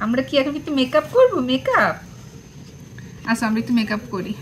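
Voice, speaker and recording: A woman's voice: high voice, big pitch swings, a little fast, a little hiss or hum, poor audio. A woman pet vlogger talking in doting baby talk to her cat, cooing and repeating words fondly. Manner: cooing, sing-song, repeats words affectionately.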